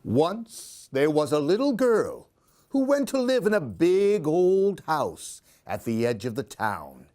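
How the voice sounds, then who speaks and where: Slightly high-pitched and dark in tone, a very animated man takes his time reading Halloween picture books aloud. He's the storyteller hosting a children's book show, performing theatrically and adding questions and asides for the kids listening.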